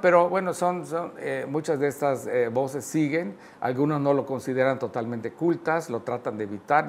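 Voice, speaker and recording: Male lecturer with a Yucatecan accent, mid-pitched and unhurried, fond of "¿no?" tags; faint noise in the background. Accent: Yucatecan Spanish. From Yucatán, Mexico. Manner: measured, with frequent "eh" fillers and "¿no?" tags. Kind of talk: online lecture.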